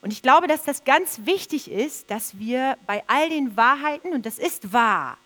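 A woman's voice: sits high, lively intonation, a little slow, pushed and bright. Earnest woman preaching a sermon. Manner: earnest, emphatic, repeats phrases for stress.

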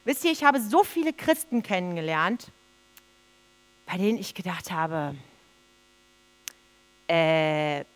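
A woman's voice: fairly low pitch, animated, slow pace, long pauses. Earnest woman preaching a sermon. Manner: earnest, emphatic, repeats phrases for stress.

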